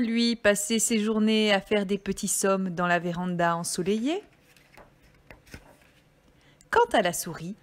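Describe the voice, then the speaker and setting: A woman, a kindergarten teacher, reading a storybook aloud to young children in a gentle, expressive way. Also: mid-range voice.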